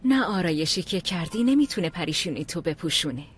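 A woman's voice: fairly low pitch, lively intonation, slight background noise, lightly acted. A voice actress dubbing a spiteful woman rival who taunts her defeated opponent with mocking pity in a TV drama. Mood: taunting. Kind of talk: dubbed TV drama.

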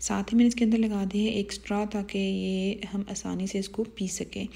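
A woman narrates a home recipe as a voice-over, guiding viewers calmly through each step. Her voice is warm and mellow, with little rise and fall, and it stays level and steady throughout. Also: mid-range voice, normal speed, gravelly. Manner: calm step-by-step instructions with soft asides. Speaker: cooking channel host.

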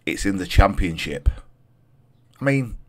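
A man's voice: low voice, expressive, unhurried, fairly bright tone. A man in his thirties with a throaty, stuffed-up voice from a cold, chatting casually through gameplay as a video host and repeating phrases for emphasis. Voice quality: throaty, congested.

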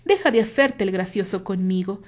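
A woman's voice: medium pitch, normal speed, a little mellow, lightly acted. Brief: woman doing arrogant young rival, fiery, emphatic, storybook reading. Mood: cold. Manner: raised, emphatic delivery. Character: proud young man, jealous, arrogant and fiery.

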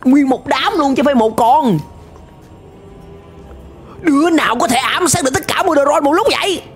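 Reacting to the cartoon he's watching, this young adult host exclaims and chats casually at a moderate pace, his voice very high-pitched and lively. The cartoon's music runs underneath, captured by his headset and close boom-arm microphone in an indoor gaming room.

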